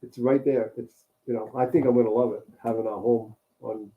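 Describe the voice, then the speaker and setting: A man in a relaxed co-host chat, rambling and easygoing and often circling back on his words. His voice sits at an ordinary middle pitch. The sound is thin and tinny, like a phone line. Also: a little fast. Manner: easygoing, rambling, repeats himself. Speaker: co-host and mechanic. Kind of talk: casual chat.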